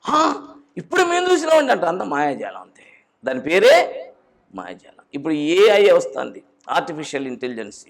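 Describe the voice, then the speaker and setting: A man preaching a sermon, moving between loud urgent exhortation and low, intense warnings. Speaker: pastor.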